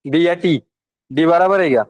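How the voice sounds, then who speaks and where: A young man lectures a class, mixing terms into his talk and checking often that students follow. His voice sits a little high, and the recording is dry and close. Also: moderate pace, no echo, poor audio. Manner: asks the class questions, mixes in English. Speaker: teacher.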